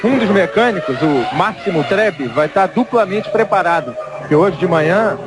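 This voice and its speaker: A man's voice: sits high, animated, normal speed. A man with a Brazilian accent giving live reports during a motor race broadcast. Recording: loud vehicle noise behind the voice. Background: racing cars and trackside ambience.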